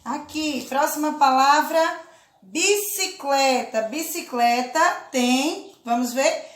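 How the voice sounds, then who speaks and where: A woman teaching a children's lesson, speaking slowly and patiently, drawing out words and often checking in with her listeners. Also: high-pitched, roomy sound, a little hiss or hum. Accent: Brazilian Portuguese. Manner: slow, patient, drawn-out syllables with check-in questions. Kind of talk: children's lesson, clapping out syllables.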